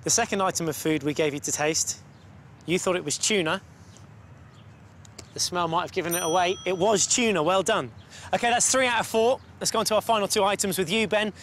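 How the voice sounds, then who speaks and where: A man's voice: sits high, a little fast, a bit bright, a little hiss or hum. A man presenting a children's TV game show outdoors, coaxing and guiding the contestants step by step in an upbeat way. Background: background music.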